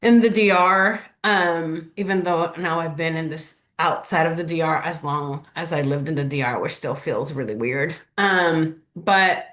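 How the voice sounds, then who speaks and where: A woman in her forties from the Dominican Republic, a panelist talking quickly with many fillers. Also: low-pitched, fairly bright tone. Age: 40s. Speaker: romance author, panelist. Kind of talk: conversational panel talk. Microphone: video call.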